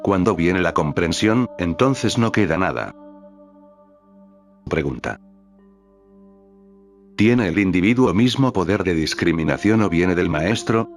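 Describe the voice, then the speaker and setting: A man reading a spiritual teacher's talks aloud in a calm, measured way, voicing the questions and stage directions too. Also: low-pitched. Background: faint background music.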